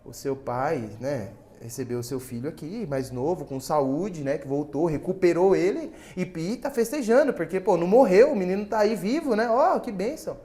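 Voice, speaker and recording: A friendly household servant , as a preacher puts him on casually reports the news with everyday fillers. The voice stays high, close to the preacher's own in this sermon retelling. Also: male voice, expressive, moderate pace, few pauses, warm tone. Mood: chatty. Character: chatty household servant, adult man, friendly.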